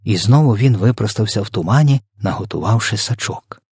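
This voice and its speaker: Brief: male storybook narrator, husky tone, even pacing, dry studio sound. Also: lowish voice, fairly quick, dry recording. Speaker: audiobook narrator.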